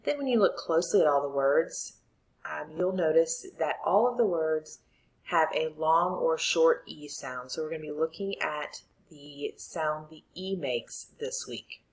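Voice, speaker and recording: A woman teacher giving clear, patient instructions in a recorded spelling lesson for young students. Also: low-pitched, animated, measured pace, poor audio.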